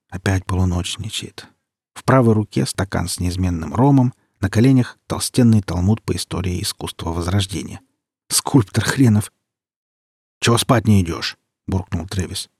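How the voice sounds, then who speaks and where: A man narrating an audiobook in an even, measured storytelling manner. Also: low-pitched, husky, no echo, studio quality. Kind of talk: scripted narration.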